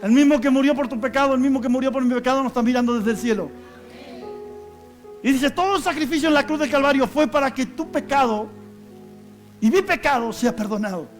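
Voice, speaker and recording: A male pastor giving an impassioned sermon, rising to loud cries and dropping to hushed pleading. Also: very high-pitched, fairly quick, soft background music.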